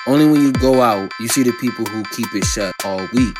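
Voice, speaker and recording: A young man talking in a slow, reflective, slangy way. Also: mid-range voice. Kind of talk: casual musing chat. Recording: loud music behind.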